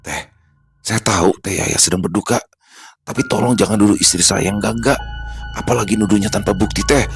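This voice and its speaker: A man's voice: fairly low pitch, a little fast, soft background music, lightly acted. A man voicing a protective husband, firmly defending his wife. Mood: indignant. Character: protective husband, firm and indignant.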